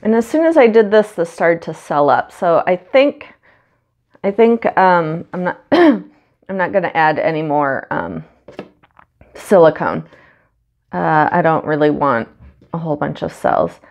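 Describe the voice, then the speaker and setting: An acrylic pour artist with a cold and a stuffy nose chats casually while painting in her home studio, rambling with lots of ums. Her voice is fairly low and a little mellow, and the recording sounds muffled.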